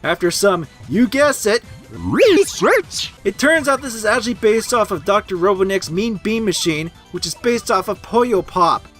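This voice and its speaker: A male video game reviewer delivers a comedic angry gamer parody, raging, ranting and swearing in exasperation through scripted narration with outbursts. His voice is high-pitched and sing-song with a fairly bright tone, at normal speed, and faint music plays in the background.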